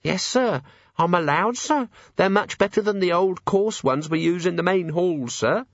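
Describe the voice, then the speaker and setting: A man's voice: a little slow, no room sound, highs cut off. A man reading aloud and voicing a nervous young maid who stammers and speaks humbly. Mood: timid. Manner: stammering, deferential, lower-class speech.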